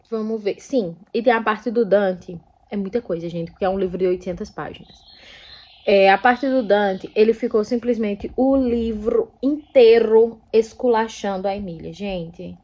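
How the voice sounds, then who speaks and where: A young woman chatting casually about a book she read, animated and acting out characters' lines with scoffing asides. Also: medium pitch, unhurried. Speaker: book vlogger. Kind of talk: casual book review chat.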